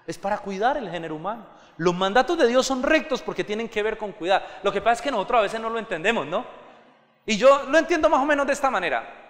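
A man's voice: high voice, lively intonation, fast, a bit bright. A man preaching a sermon with passion, rising to fervent exclamations and acting out everyday scenes. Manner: acts out everyday scenes and quoted voices. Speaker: pastor. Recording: reverberant hall.

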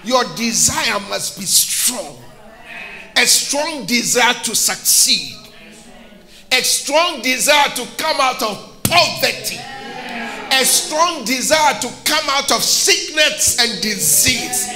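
A man preaching a sermon as a pastor in a church, with impassioned bursts of shouting and call-and-response with his congregation. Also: very high voice, animated, slow, roomy sound, music in the background.

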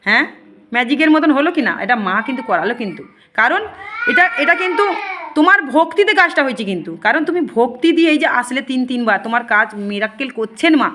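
A woman's voice: high voice, big pitch swings, fast, background noise. A woman spiritual healer, earnestly addressing devotees and viewers and repeating herself often. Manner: earnest, repetitive, often asks "ঠিক আছে?".

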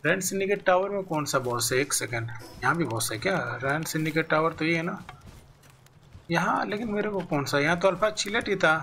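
A man's voice: on the high side, expressive, brisk, pushed and bright, slight background noise. A man giving casual let's-play commentary as a gaming YouTuber, chatty, thinking aloud and talking straight to his viewers.

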